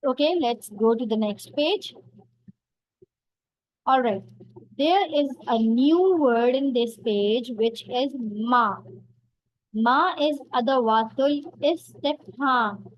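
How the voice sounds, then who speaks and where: Slow, patient woman teaching beginners. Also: on the high side, dry recording, highs cut off. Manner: slow, patient explaining, repeating words for learners. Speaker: Arabic teacher. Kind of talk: beginner language lesson.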